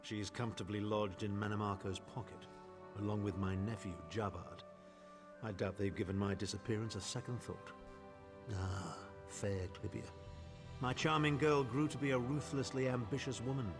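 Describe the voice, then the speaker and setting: A man's voice: on the low side, steady tone, moderate pace, over music, lightly acted. An actor playing a haughty, scheming aristocratic male chancellor in a video game, speaking pompously. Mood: bitter. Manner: pompous, grandiloquent.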